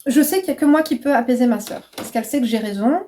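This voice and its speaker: With a high, warm voice and a quick pace, this woman in her thirties chats to camera as a vlogger and coach. She's frank and direct, swearing casually and addressing viewers as "mes crèmes." There's slight background noise.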